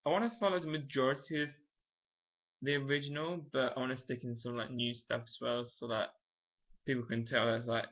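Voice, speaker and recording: A young man chatting casually to his camera, wandering from thought to thought and restarting his sentences as he goes. His voice sits at an ordinary middle pitch, and the recording has a dull, lo-fi home sound. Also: fairly even intonation, a little fast. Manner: rambling, thinking aloud with many restarts. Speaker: vlogger. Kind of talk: casual vlog chat.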